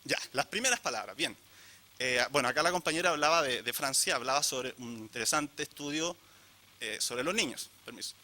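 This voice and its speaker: A Chilean conference speaker gives an academic lecture to a live audience, posing rhetorical questions and turning to the listeners. His voice is medium-pitched, expressive, bright and forceful, and he talks a little fast.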